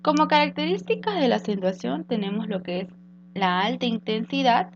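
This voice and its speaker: Gravelly-voiced woman teaching a lesson. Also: a little high, animated. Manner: explains slowly with rhetorical questions and fillers. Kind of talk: recorded grammar lesson. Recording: dull lo-fi with mains hum.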